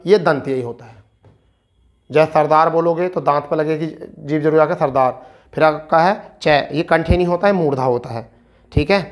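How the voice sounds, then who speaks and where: Male exam-prep tutor, a touch high-pitched, coaxing and repetitive, hurrying students toward the answer. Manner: coaxing, repeats "ठीक है" often; recites verse slowly and deliberately. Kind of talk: explaining a practice test.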